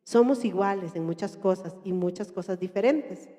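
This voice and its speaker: A woman with a Costa Rican accent speaking to a group, lively and questioning her listeners. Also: medium pitch, moderate pace. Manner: lively, asks the audience questions and acts out everyday voices. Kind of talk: talk to a church group. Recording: echoey hall.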